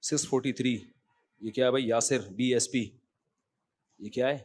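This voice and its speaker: A man's voice: medium pitch, steady tone, darkish tone. A man giving a religious lecture as an Islamic scholar, talking emphatically and conversationally, with frequent rhetorical questions to his listeners, then answering their questions.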